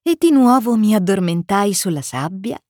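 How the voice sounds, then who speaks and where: A woman narrating a children's story in an expressive, animated storybook-reading manner. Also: mid-range voice, normal speed, dry recording, clean studio sound.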